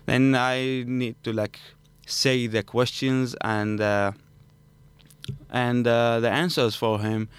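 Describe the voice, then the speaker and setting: In a clean tone with no room sound, a man speaks slowly at a medium pitch and level intonation. He's a native Arabic speaker from an Arabic-speaking country, a student guest in a studio interview, answering conversationally and storytelling in non-native English with an Arabic accent.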